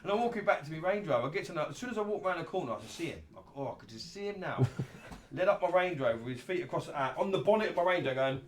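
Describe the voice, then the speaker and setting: A man's voice: fairly high pitch, expressive, very fast, slight background noise. A man telling casual anecdotes as a show host. He is blunt and sweary and laughs through his stories.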